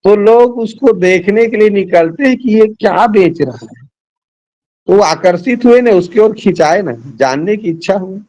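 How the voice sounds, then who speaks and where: A man's voice: high-pitched, expressive, normal speed, a little mellow, rough recording. A middle-aged man teaching a Hindi class, patiently walking his students through answer options one by one. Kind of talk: classroom lesson over a call.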